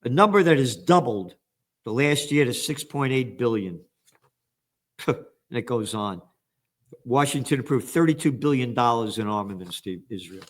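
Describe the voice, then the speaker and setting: An older man hosts a news commentary on trends, reading headlines and ranting with angry, sarcastic, profane remarks. His voice swings from low mutters to shouts, with lively intonation at a normal speed.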